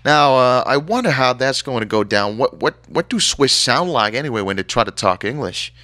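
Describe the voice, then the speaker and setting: A man's voice: medium pitch, animated, normal speed, pushed and bright, no room sound. An actor playing a rambling, sarcastic radio DJ who stumbles over his words as he banters. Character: rambling, irreverent male radio DJ.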